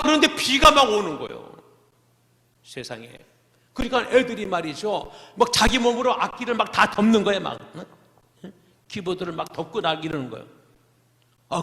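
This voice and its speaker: High, bright-voiced man preaching in an echoey hall. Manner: animated storytelling, exclamatory asides. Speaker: pastor. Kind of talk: testimony sermon.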